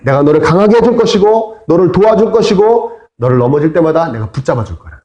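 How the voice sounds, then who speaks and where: A male pastor preaching a sermon, animated, sometimes acting out the voices of figures from the story. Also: a little high, quick pace, dull audio. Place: church sanctuary. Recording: echoey church hall.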